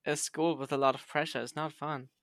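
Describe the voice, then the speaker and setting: A woman's voice: low voice, little pitch movement, fairly quick, no room sound. A woman talks in an informal, conversational podcast style. She is playful and teases dryly. The recording is dry and close, with hardly any room around the voice. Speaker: podcast co-host. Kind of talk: casual chat.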